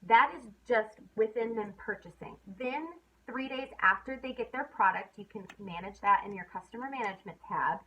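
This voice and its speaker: Young woman chatting thru a sales training, kinda high voice, lots of um and you know, dull lo-fi sound. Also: moderate pace, hardly any pauses, a little hiss or hum. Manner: chatty, filler-heavy, acts out upbeat quoted messages. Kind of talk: casual training talk. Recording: dull lo-fi recording.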